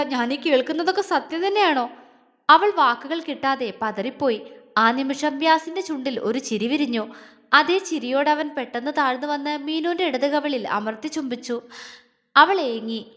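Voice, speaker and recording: A woman's voice: high-pitched, normal speed, a bit bright. A woman storyteller reading a romantic audio series in a dramatic, emotive way. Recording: long hall reverb.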